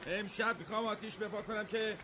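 Brief: actor doing a joking friend on a tractor, dull lo-fi sound. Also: male voice, high-pitched, steady tone, noisy background, close to an everyday voice. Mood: teasing. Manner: teasing and playful. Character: joking man riding the tractor.

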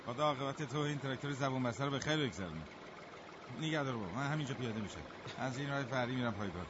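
Brief: actor doing a joking friend on a tractor, dull lo-fi sound. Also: male voice, mid-range voice, animated, noisy background, lightly acted. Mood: teasing. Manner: teasing and playful. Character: joking man riding the tractor.

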